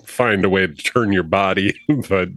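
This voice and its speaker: A man's voice: low voice, measured pace, fairly bright tone, dry recording. A man in casual chat with an easygoing manner, slipping laughs between words.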